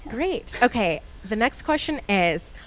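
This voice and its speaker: A woman's voice: a little high, measured pace. Organized woman moderating a Q&A. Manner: friendly, organized, steady. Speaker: company manager and talkback moderator. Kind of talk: moderating a post-show Q&A.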